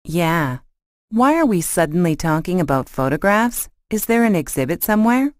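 A woman's voice: fairly low pitch, animated, normal speed, no echo, studio quality, lightly acted. A woman acting an agreeable, interested friend in a scripted language lesson dialogue, with careful short sentences.

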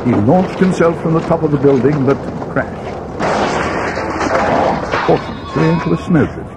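An actor playing Watson, a schoolboy's companion recounting a mystery as scripted storybook narration. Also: male voice, on the high side, normal speed, vocal fry, very noisy. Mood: measured, grave.

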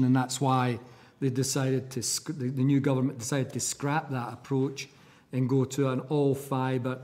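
Guy asking questions at a senate hearing, mellow voice, lots of uh and restarts. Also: medium pitch. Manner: halting, with restarts and fillers.

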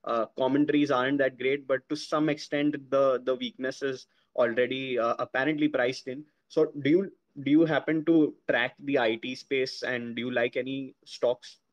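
A man with an Indian accent, interviewing a guest on a podcast and asking measured questions with many fillers. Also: medium pitch, fairly even intonation, dull audio.

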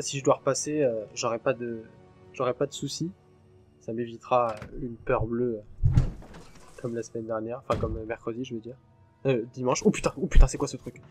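A gaming channel host chats with viewers while playing a horror game, swearing freely whenever something jumps out at him. His voice is pitched in an ordinary middle range, and quiet game music plays underneath. It's let's play commentary, chatty and jumpy.

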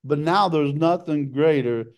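A middle-aged man preaching a sermon with passion, his voice jumping up high for emphasis. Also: unhurried, darkish tone. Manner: impassioned preaching, jumps to a high pitch for emphasis.

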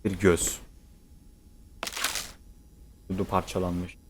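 A man's voice: low-pitched, monotone, a little fast, background noise. A man commentating on a horror game as he plays, cursing constantly and reacting jumpily to scares. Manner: swears constantly, jumpy and panicky. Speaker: gaming streamer.

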